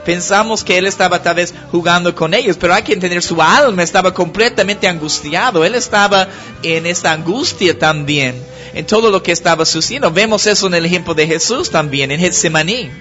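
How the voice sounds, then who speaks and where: A man preaching a sermon with a high voice, earnest and halting, often restarting his phrases. The recording is dull and lo-fi, with faint music underneath. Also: bright, forceful tone.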